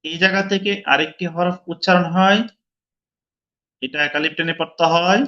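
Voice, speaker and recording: Teaching letter pronunciation online, this Quran recitation teacher goes slowly and patiently, repeating every sound and sometimes stretching it into a chant. He speaks with a Bangladeshi Bengali accent in a high, steady, sharp voice, captured on dull audio.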